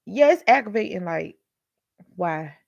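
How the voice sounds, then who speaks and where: Gravelly woman giving a frank Bible talk. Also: on the low side, expressive, measured pace, a little mellow, no room sound, lo-fi sound. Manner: frank, chatty, scolding with humor; addresses listeners as y'all. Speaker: Bible study host. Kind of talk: casual livestream Bible talk.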